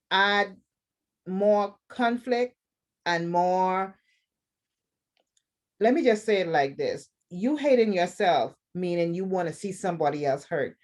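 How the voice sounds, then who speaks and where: A woman's voice: fairly low pitch, dark tone. A woman with a Bahamian accent, hosting a talk show and giving earnest personal advice on marriage and divorce, repeating phrases for emphasis. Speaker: podcast host.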